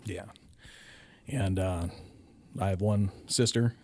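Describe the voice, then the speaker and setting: A middle-aged man from Hawaii, a podcast guest telling his life story with many pauses and fillers. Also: sits low, steady tone, a little mellow. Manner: hesitant, many ums and uhs, laughs often. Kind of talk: casual storytelling.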